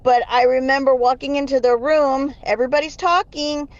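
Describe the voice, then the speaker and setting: A woman's voice: high-pitched, fairly even intonation, normal speed. A woman calling in, telling a casual story over a phone line in a voicemail and laughing between sentences. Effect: over a phone line, left as a voicemail. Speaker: caller.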